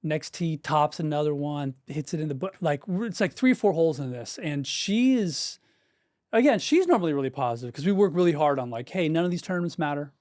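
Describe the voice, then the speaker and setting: A man's voice: on the high side, expressive, a little fast, darkish tone, no echo, studio quality. A man co-hosting a podcast, telling a story as a golf parent in a casual, emphatic way and swearing freely. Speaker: podcast co-host.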